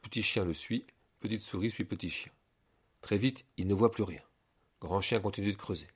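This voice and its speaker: A man reading a children's story aloud as storyteller, calm and measured. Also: lowish voice, breathy edge.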